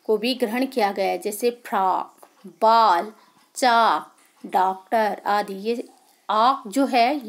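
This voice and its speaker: An Indian woman teacher leads an online grammar lesson for young pupils. Her voice sits high, and she speaks at an unhurried, deliberate pace. She keeps asking questions and answering them herself, repeating the key terms.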